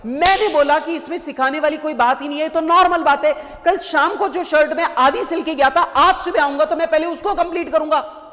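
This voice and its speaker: A man lecturing a class in a joking, lively way. He keeps asking the students questions and telling them to answer. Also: very high voice, a little fast, big-room sound. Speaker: teacher.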